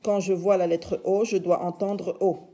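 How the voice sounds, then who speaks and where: A woman's voice: mid-range voice, little pitch movement, a little slow, warm tone. A woman teacher giving a reading lesson, patiently sounding out letters and syllables one by one.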